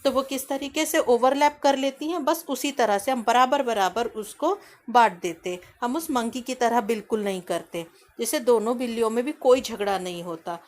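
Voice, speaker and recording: A woman teacher explaining a primary school maths lesson to children. She asks the class questions and answers them herself, and she reads English lines from the book slowly. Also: on the high side.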